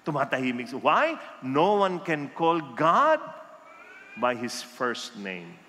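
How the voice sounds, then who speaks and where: A man preaching a sermon, telling jokes in an animated storytelling way and mixing Filipino with English. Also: medium pitch, takes it slowly. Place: church hall. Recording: reverberant hall.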